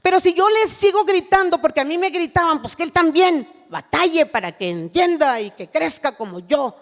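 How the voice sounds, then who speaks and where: A woman's voice: extremely high pitch, expressive, moderate pace, in a large hall. A woman giving an earnest sermon at a women's church retreat, acting out what a mother says to her child.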